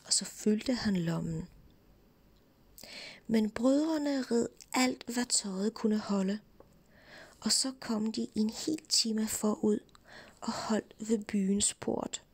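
A woman telling a fairy tale in whispered role-play, in a soft unvoiced whisper close to the mic. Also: mid-range voice, pauses often, breathy edge. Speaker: storyteller.

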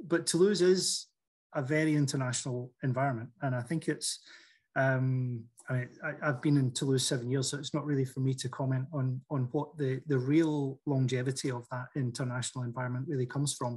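A man with a slightly husky voice gives his view on a business panel. He lays out his points in a measured, explanatory way and pauses on fillers as he goes. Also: medium pitch, steady tone, a little mellow. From not from France. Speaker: roundtable panelist, company leader. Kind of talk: panel discussion.

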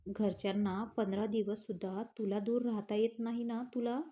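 A woman's voice: mid-range voice, level tone, moderate pace, dark tone, natural voice. A woman reading the part of a reproachful young wife who scolds her husband.

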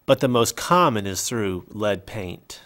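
A man's voice: fairly low pitch, lively intonation, unhurried, fairly bright tone. A man reading an English voice-over for a signed conversation, in a conversational scripted style. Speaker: voice-over for a signing speaker.

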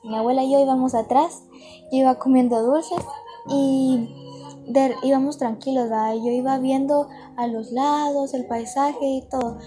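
A woman's voice: sits high, steady tone, moderate pace, dark tone. A woman telling a personal story to camera in a chatty, earnest way, speaking straight to her viewers, with music playing behind her. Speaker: vlogger. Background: background music.

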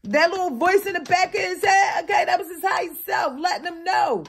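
High-pitched woman doing a spiritual reading, still got her morning voice, slangy and emphatic, says okay a lot. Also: a little fast. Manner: emphatic, slangy, keeps tagging lines with "okay?"; swings between low mutters and loud animated bursts. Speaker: spiritual card reader. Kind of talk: casual spiritual reading to viewers.

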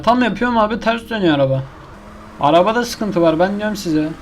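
A man's voice: high-pitched, slight background noise. A man giving casual commentary over his own gameplay, exasperated and complaining to himself as he keeps failing. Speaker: gaming YouTuber.

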